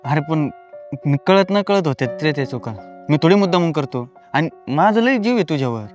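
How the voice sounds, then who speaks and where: An actor playing an irritable, two-timing husband who answers defensively and snaps back. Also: male voice, a little high, animated, a little fast, soft background music, lightly acted. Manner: defensive, snapping, short-tempered. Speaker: cheating husband. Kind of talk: comedy film acting.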